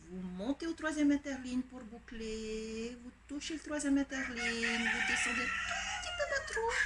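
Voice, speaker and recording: A primary school teacher, a woman with a fairly high voice, leads children through a dictation lesson, patiently spelling each letter and pen stroke step by step. It's a home recording for an online class, with background noise.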